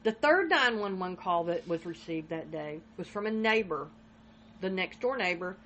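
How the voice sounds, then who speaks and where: A woman hosts a true crime podcast and talks through the case in a relaxed, conversational way. She slips into the quotes of the people in the story as she goes. A faint hum of ambient noise sits under her voice. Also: on the low side, moderate pace, highs cut off. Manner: retells events with acted-out quotes.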